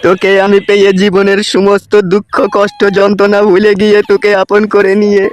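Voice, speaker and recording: A man voicing a grieving middle-aged uncle in a cartoon comedy, sobbing and wailing in long drawn-out laments. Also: fairly high pitch, flat delivery, natural voice.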